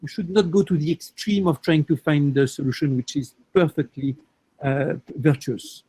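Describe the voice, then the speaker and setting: A man's voice: fairly high pitch, fairly even intonation, moderate pace, mellow, husky, low-quality recording. Hesitant man answering on a panel. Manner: hesitant, restarts often, explains with examples.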